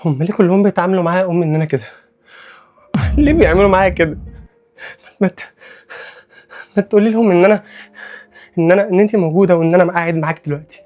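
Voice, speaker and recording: A man's voice: sits high, rapid-fire, long pauses, faint music behind, close to an everyday voice. A man playing a grief-crazed young Egyptian man. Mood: pleading. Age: young adult. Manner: agitated, pleading, repeating himself, shouting. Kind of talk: web drama acting.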